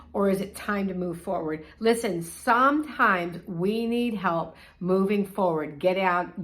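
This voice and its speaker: Encouraging middle-aged woman life coach. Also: medium pitch. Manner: conversational and encouraging, with casual fillers. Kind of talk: inspirational faith talk.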